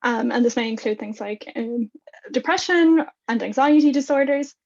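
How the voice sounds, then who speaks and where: A young woman presenting in a youth workshop, talking in a halting way with fillers and self-corrections. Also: on the high side, gravelly, darkish tone, highs cut off.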